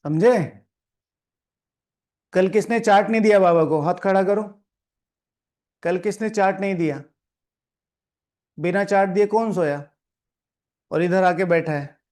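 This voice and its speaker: A man with a high, somewhat darkish voice speaks a little slowly, leaving long pauses. He leads a spiritual class in a meditation hall before a seated live audience, reading the lesson aloud, explaining it, scolding listeners, repeating lines and questioning the room. He often checks in with "theek hai."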